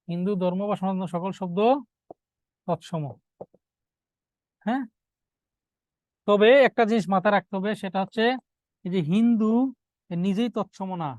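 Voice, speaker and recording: A man teaching an exam-prep grammar lecture, asking his students questions and answering them, and slowing down to dictate key words. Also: high-pitched, a little mellow, dry recording.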